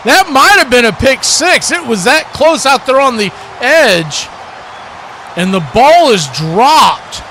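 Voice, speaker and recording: Noticeable background noise sits behind a man with a strikingly high, sharp-toned voice. He is the announcer calling live American football play by play.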